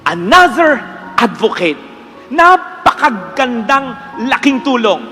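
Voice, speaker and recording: Very high-voiced priest preaching earnestly. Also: male voice, sing-song, slow pace, pushed and bright, big-room sound, faint music behind. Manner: earnest, emphatic, mixes English phrases. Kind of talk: homily. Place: church with congregation.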